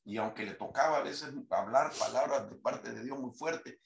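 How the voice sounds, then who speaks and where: A man's voice: mid-range voice, normal speed, creaky, reverberant, a little hiss or hum. A man preaching a sermon, quoting scripture in a raised reading voice. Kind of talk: sermon teaching.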